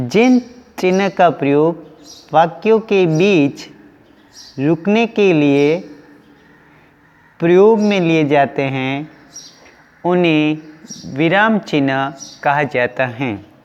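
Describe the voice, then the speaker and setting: A man with a fairly high voice teaches an online class, speaking slowly and patiently. He asks young pupils a question and answers it himself, one short phrase at a time. The recording is dull and sits in a long, echoing room. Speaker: school teacher.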